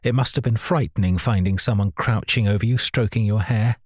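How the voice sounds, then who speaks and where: An audiobook reader's own voice turned into a furious, suspicious father snapping out accusations. The tone is husky and a little lower than most men, set close and dry with no room around it. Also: fairly quick, dry recording. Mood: angry accusing. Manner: indignant, accusing. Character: angry suspicious father, sharp-tongued. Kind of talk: audiobook reading.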